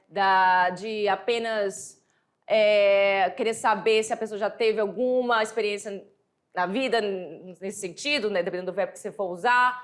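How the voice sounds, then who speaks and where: A woman teaching English to high school students, explaining patiently and reading the English examples out slowly. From Brazil. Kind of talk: classroom lesson explanation.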